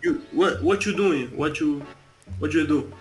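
A man from Chile, a Spanish speaker, chatting in friendly, halting English on a video chat. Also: on the high side, soft background music. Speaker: stranger on a video chat, music maker. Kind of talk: casual chat.

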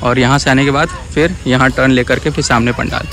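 Soft music plays behind this young Varanasi-accented vlogger as he narrates a walkthrough of an outdoor city sports field, chatty and pointing things out, on a phone at arm's length. His mid-range voice is a bit bright, fairly even in intonation, and a little fast.

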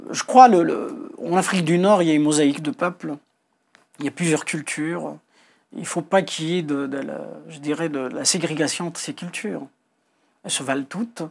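The man's voice is fairly high and slightly rough, with some vocal fry. He's a middle-aged Algerian who speaks Kabyle, and in an indoor TV studio he describes his views as an author, hesitantly repeating himself and emphasizing key points.

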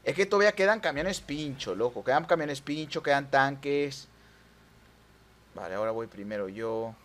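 A young man with a Mexican accent commentating his own online racing gameplay, excitable and yelping at near misses. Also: medium pitch, moderate pace. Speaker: gaming YouTuber.

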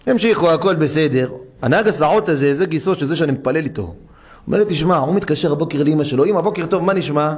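Man giving an animated synagogue sermon. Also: husky. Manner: acts out quoted characters with pitch swings. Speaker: rabbi. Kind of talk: sermon with storytelling.

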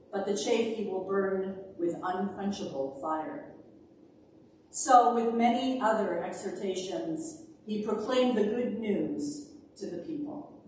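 Slow, echoey woman minister reading scripture. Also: medium pitch, a little mellow, slight background noise. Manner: slow, measured reading with emphatic phrasing. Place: large church sanctuary. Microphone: far camera, speaking at a pulpit. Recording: echoey church from a distance.

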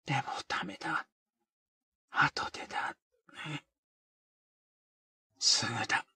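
A man voicing a calm young doctor, soothing a patient in a gentle, low-key way. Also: slow, no echo, in a whisper.

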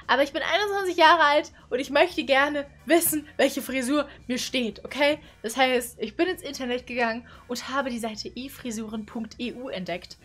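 A woman's voice: high voice, moderate pace, few pauses, a bit bright. A woman of twenty-one, chatty and playful, commenting casually from a small bedroom into a condenser mic. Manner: chatty, playful, exclaims and giggles. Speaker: YouTuber. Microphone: studio condenser mic on boom arm.

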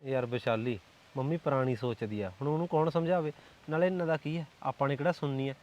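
A man's voice: medium pitch, fast, a little mellow, natural voice. A young actor with a Punjabi accent playing a boyfriend who coaxes and soothes his angry girlfriend. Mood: coaxing. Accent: Punjabi (Malwa). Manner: coaxing, soothing. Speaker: actor in a short film.

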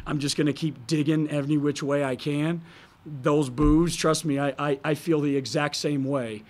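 A man's voice: on the high side, fairly even intonation, moderate pace. A man in his thirties, a basketball head coach answering reporters candidly at a post-game press conference, speaking into a table microphone with many fillers and restarts. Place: press conference room, in front of a sponsor backdrop.

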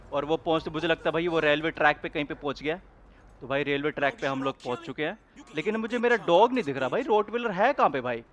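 A young man giving casual gameplay commentary at home, excitable and prone to shouty bursts, swearing playfully and calling everyone bro. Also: high voice, dull audio. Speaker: gaming channel host. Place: home room with a cooler running.

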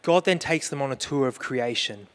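A man's voice: medium pitch, animated, normal speed, a bit bright. A man preaching a sermon as pastor, earnest, mixing questions to the congregation with personal storytelling about grief.

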